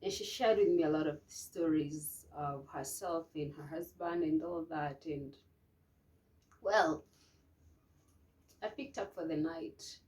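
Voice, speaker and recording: A young woman telling a personal story to camera, emotional and hesitant, with many restarts and soft, trailing phrases. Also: low voice, slow, pauses often. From Kenya. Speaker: vlogger.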